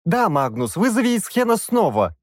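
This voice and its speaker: A man's voice: sits high, very animated, normal speed, no room sound, studio quality, pitched above the performer's own voice. A man voicing a young, imperious princess who gives orders and snaps back sharply. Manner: demanding, sharp retorts.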